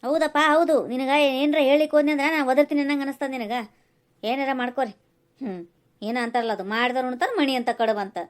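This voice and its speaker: A woman voicing a sharp-tongued, complaining village mother in a cartoon. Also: fairly high pitch, a little fast, natural voice. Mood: angry. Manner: scolding, sarcastic, complaining. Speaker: voice actor. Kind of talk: cartoon voice acting.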